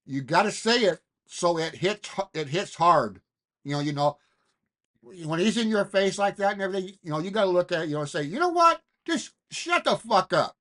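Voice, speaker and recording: A man's voice: high voice, a little fast, fairly bright tone. A man hosting his own video, talking in a casual, rambling, digressive way that is full of "you know" and restarted phrases. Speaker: channel host. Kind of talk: casual talking-head vlog.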